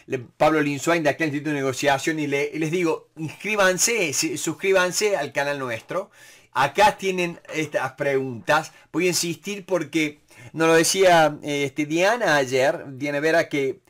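A man's voice: a little high, normal speed, fairly bright tone. A man with a Rioplatense Spanish accent, answering viewer questions about negotiation in a casual live talk, full of "este" fillers and quoted lines he acts out.

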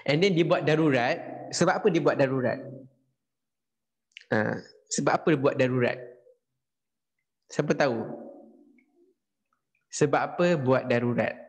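A man's voice: mid-range voice, unhurried, pauses often, husky. A man with a Malaysian Malay accent teaching a history class over a video call, quizzing his students and mixing in English phrases. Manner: lively, asks students questions, mixes in English. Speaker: history tutor. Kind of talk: online class lecture.

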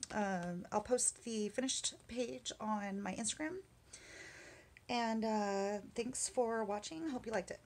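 A woman chatting casually at her craft desk as she works on a journal page, rambling with lots of fillers and small laughs, and sometimes muttering quietly to herself. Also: fairly high pitch. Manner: mutters softly to herself while working. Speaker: craft vlogger. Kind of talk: casual chat while crafting. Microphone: camera on the work desk.

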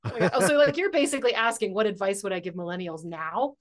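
Speaking quickly at a medium pitch, a woman in her forties who works as an author and coach chats casually as a podcast guest. It's a relaxed interview in which she thinks aloud and laughs a lot.

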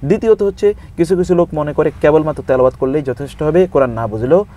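Man, religious scholar, rapid explanatory delivery, slightly raised pitch, recites verses, slips in english terms. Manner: recites Arabic verses and mixes in English words; lists points in steady explanatory phrases. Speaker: Islamic scholar guest. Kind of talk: explanatory religious talk in an interview.

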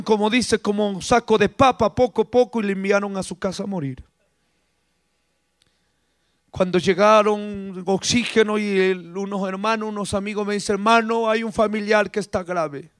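A man from Peru preaching a fiery sermon with a Peruvian accent at a church service, breaking into shouted rising bursts and acted-out voices, then dropping to low quiet asides. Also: dry recording, clean studio sound. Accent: Peruvian Spanish. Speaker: pastor.

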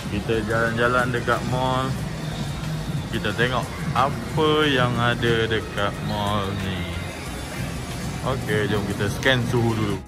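A man's voice: mid-range voice, level tone, slow pace. A young Malaysian man casually vlogging a family road trip, filming himself on a phone at arm's length. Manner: chatty, guiding the viewer on a family road trip. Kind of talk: casual travel vlog. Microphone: phone camera held at arm's length. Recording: loud music bed under the voice.

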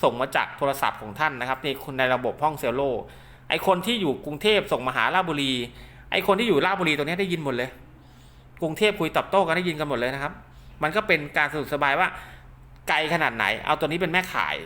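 Fast-talking man, bright voice, demonstrating gear. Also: on the high side, expressive. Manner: repetitive, with frequent polite tags. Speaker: product demonstrator and maker of radio link cables. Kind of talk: informal hands-on demonstration with explanation. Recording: clear background noise.

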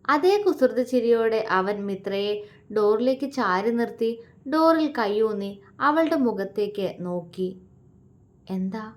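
A woman's voice: fairly high pitch, expressive, a little slow. Woman narrating a romance serial. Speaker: storyteller.

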